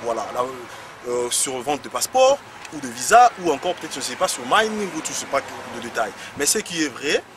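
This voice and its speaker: A man's voice: mid-range voice, big pitch swings, brisk. Impassioned man outside on a noisy street. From Congo. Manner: impassioned, repeats words when stirred. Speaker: community leader. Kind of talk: street interview in front of an embassy. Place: outdoors on a city street. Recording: street noise and traffic behind.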